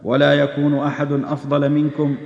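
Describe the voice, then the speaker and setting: A man reading religious texts aloud in a steady recitation. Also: a little high, a little fast. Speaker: reader of hadith text. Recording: echoey hall, dull old tape.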